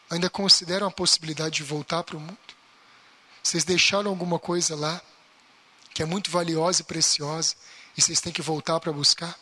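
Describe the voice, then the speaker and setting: High bright-voiced pastor. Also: male voice, slightly rough. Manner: lively, acts out everyday complaints. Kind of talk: baptism class sermon.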